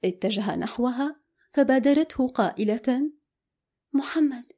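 A woman narrating a novel as an audiobook in steady, unhurried storytelling. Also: mid-range voice.

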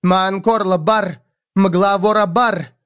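A man's voice: high voice, a bit bright, clear, resonant tone, pitched above the performer's own voice, heavily acted. A man voicing a stern young native woman who speaks curt, commanding words in an unknown tongue. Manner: commanding, clipped, drawn-out words. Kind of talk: audiobook character voice.

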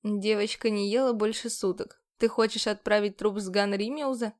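A woman's voice: medium pitch, steady tone, normal speed, close to an everyday voice. A woman voicing a blunt, caring female ship medic who speaks firmly. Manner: firm, demanding.

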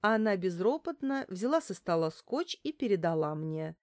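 Woman reading a detective audiobook, mid pitch, calm, dead dry mic. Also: normal speed, no room sound. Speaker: audiobook reader. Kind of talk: first-person detective novel narration.

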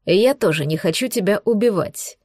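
Woman voicing a male werewolf, calm, level tone, audiobook, mid-pitched. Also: moderate pace, no echo, studio quality, lightly acted. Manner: level, even tone. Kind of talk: audiobook narration.

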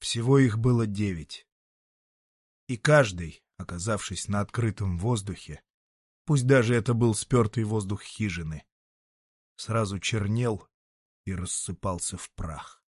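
A man narrating an audiobook in a dramatic, expressive storytelling manner. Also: fairly low pitch, measured pace, slightly rough, dry recording, studio quality. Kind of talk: scripted narration.

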